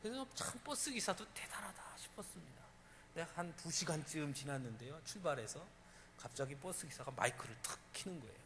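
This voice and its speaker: Bright-voiced pastor preaching in a reverberant church. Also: male voice, a little high, lively intonation, fairly quick. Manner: emphatic storytelling with acted quotes. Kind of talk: sermon. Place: church sanctuary. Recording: church hall reverb, faint room noise.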